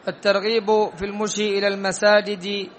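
Male student reader: high, monotone, quick recitation. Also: a little hiss or hum. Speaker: student reading the text. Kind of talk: reading a text aloud.

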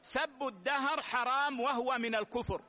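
A man, an Islamic scholar, giving a measured religious lesson and repeating key phrases slowly for his students. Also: extremely high pitch, sharp tone. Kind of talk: religious lesson explaining rulings.

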